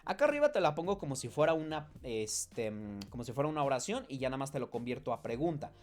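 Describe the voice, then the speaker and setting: A man teaching an English lesson in a chatty, encouraging way, slowing down to model English phrases. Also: medium pitch, big pitch swings. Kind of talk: casual online lesson.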